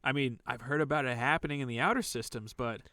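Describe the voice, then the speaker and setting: A man acts as a careful, questioning spaceship worker in a sci-fi audio drama. His voice is mid-pitched, with a dry, close sound. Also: quick pace, bright, forceful tone, no room sound, close to an everyday voice. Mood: curious, wary. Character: cautious, inquisitive, conscientious male spaceship salvage worker. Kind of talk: science fiction audio drama.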